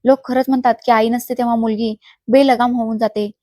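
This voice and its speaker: A woman's voice: a little high, level tone, brisk, darkish tone, dry recording, clean studio sound, natural voice. A woman voicing a cruel, scornful middle-aged stepmother who speaks in harsh insults.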